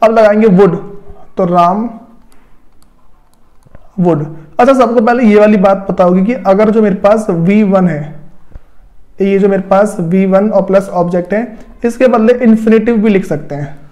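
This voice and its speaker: At a moderate pace, a man whose voice sits high, with a steady, darkish tone, works through an English grammar lesson on a board. His explanations go step by step and are repetitive, punctuated by rhetorical questions directed at students.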